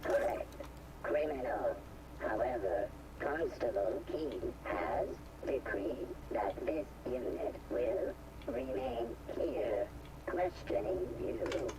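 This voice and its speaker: An actor voicing a malfunctioning robot security unit in a video game, stuck in loops and speaking in clipped, formal machine phrases. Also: male voice, mid-range voice, lively intonation, slow pace. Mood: glitching. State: malfunctioning, repeating itself in loops. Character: glitching robot security unit, stiff and officious. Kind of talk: video game character dialogue. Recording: distant game audio with noise.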